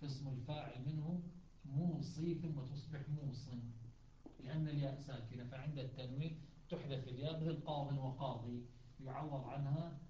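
A man's voice: mid-range voice, fairly even intonation, moderate pace, slight background noise. Guy teaching a class, repeats stuff and checks everyone gets it, dull recording. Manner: explanatory, repeats words and checks students understand. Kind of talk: classroom lesson on Quran recitations.

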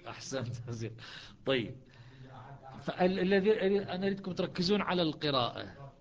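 Brief: man, Quran recitation teacher, slightly high voice, dull lo-fi classroom recording. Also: sing-song. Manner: explains step by step, breaks into slow chanted recitation. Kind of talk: classroom lesson on Quranic readings.

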